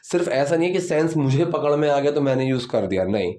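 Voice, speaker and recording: A man teaching English grammar, explaining step by step and repeating example sentences slowly. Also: on the high side, expressive, dark tone. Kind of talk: bilingual grammar lesson.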